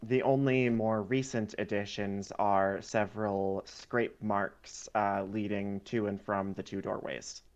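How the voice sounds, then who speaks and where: A man runs a tabletop game, describing rooms and fights at an unhurried, drawn-out pace. His voice is smooth and clear, though the recording sounds a little dull and lo-fi. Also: fairly low pitch, level tone. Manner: unhurried, descriptive with frequent fillers. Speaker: game master.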